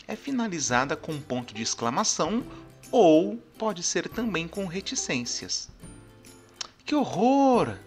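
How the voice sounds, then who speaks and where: A man teaches a recorded grammar lesson at an unhurried pace. His pitch moves a lot as he explains each point step by step, often pausing to check that listeners follow. Soft music plays faintly behind him. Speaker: language teacher.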